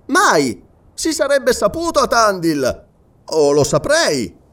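Guy voicing a pushy sergeant, high voice, bouncing all over, audiobook style. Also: sing-song, measured pace, fairly bright tone, exaggerated voice. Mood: insistent. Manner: emphatic, insistent, blurting short answers. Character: excitable middle-aged male army sergeant.

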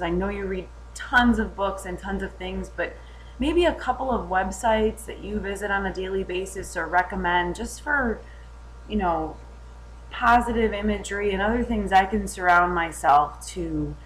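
A woman's voice: medium pitch, normal speed, a little hiss or hum, poor audio. A woman leaving a friendly, slightly hesitant voicemail for a show host, played back as a voicemail message. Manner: friendly, a bit hesitant with fillers. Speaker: listener calling in. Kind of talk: casual spoken voicemail.

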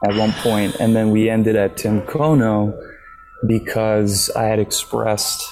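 A man from Japan speaking in a hushed near-whisper, answering interview questions casually as an actor on a remote call from a hotel lobby. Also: fairly low pitch, flat delivery, takes it slowly, faint music behind.

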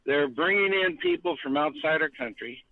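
A man's voice: a little high, huge pitch swings, moderate pace, creaky, dry recording. A man calling in to a radio show, rambling emphatically and restarting his sentences. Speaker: caller. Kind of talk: call-in political rant. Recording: tinny phone line.

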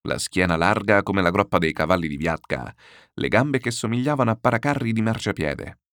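A man narrating a classic novel in an expressive storytelling way. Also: on the low side, fairly quick, clear, resonant tone, dry recording, clean studio sound. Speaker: audiobook narrator.

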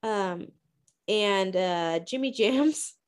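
A woman co-hosting a casual book discussion, blunt and swearing freely with quick asides. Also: mid-range voice, clean tone. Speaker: book podcast co-host.

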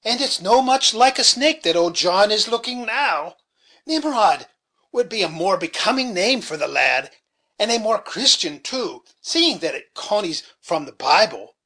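A man's voice: high voice, sing-song, a little slow, pushed and bright, exaggerated voice. A man voicing a pious, scolding landlady with a rustic dialect, in an audiobook reading. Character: middle-aged female innkeeper, pious, scolding.

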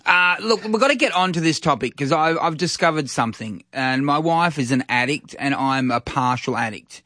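A man's voice: on the high side, normal speed, sharp tone, no echo. A man co-hosting a drive-time radio show, teasing and chuckling through casual banter into a studio mic. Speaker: radio co-host.

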